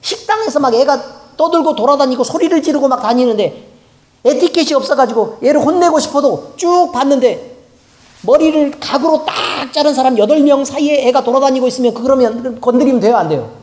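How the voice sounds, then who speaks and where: A woman's voice: high-pitched, expressive, brisk, a little mellow. A woman pastor preaching a sermon in a colloquial way, often putting rhetorical questions to the congregation. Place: church.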